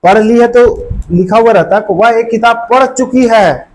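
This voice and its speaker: In poor audio, a man with a very high-pitched voice and normal speaking speed teaches grammar to a classroom, drilling students with constant questions in a colloquial, repetitive style.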